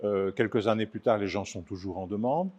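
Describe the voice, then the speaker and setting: A man's voice: fairly low pitch, fairly quick, a little mellow, muffled recording. Earnest man interviewed in a studio. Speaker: author and film producer, guest.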